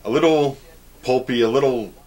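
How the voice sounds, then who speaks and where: A man's voice: medium pitch, moderate pace, darkish tone. A man hosting a casual film commentary, explaining things informally and swearing freely. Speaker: host of a film commentary channel.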